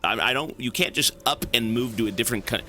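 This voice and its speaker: A Canadian man streams a game and chats loosely with his viewers, swearing and rambling as he answers their questions. His mid-range voice is fast and sharp, with soft music in the background.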